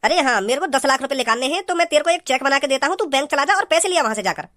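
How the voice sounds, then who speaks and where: A bossy cartoon father, as a voice actor plays him, quick to scold and threaten. He talks fast in a high voice. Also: expressive, sharp tone, no echo, clean studio sound. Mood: coaxing. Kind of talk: cartoon comedy voice acting.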